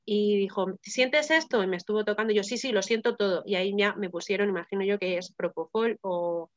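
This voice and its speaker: A woman's voice: mid-range voice, steady tone, fast talker, dry recording. Woman vividly retelling a personal story. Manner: vivid retelling, acting out quoted voices, frequent hesitations. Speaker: interviewee telling her birth story. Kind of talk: personal account in conversation. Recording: dull, dry, slightly lo-fi recording.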